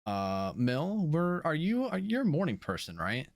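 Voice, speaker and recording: A man's voice: a little high, wildly swooping pitch, unhurried, no room sound, studio quality. A man running a tabletop game as game master, narrating casually with lots of fillers.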